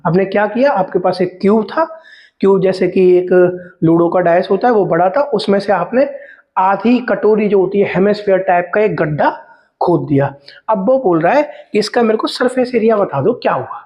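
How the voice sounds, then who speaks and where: A man's voice: high-pitched, normal speed, muffled recording. A man teaching maths, working calculations step by step in a talkative way, calling his students "beta" and asking and answering his own questions. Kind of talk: explaining step-by-step calculations on a board.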